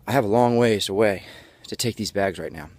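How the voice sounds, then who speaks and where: A man with a low voice gives a halftime pep speech like a locker-room coach. He sounds winded from walking and carrying on, and he keeps it folksy and jokey as he motivates his listeners. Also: fairly quick, darkish tone, dry recording. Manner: breathless from exertion while walking; folksy, jokey self-narration in the third person.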